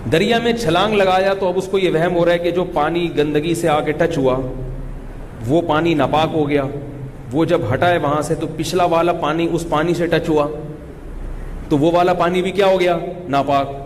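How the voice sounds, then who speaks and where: Joking cleric, higher voice, echoing hall. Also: male voice, fairly even intonation, a little hiss or hum. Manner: humorous, anecdotal, colloquial. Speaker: Islamic cleric answering questions. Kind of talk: religious question-and-answer talk. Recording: reverberant hall.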